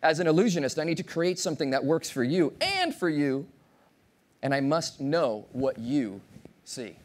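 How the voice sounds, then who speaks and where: A man in his thirties delivers a keynote from a big conference stage, his voice swinging widely up and down as he jokes with the crowd. He pitches a little higher than most men and speaks through a body mic. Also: moderate pace. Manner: animated, playful, audience-engaging, acts out voices. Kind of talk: motivational keynote speech. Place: large conference stage with audience.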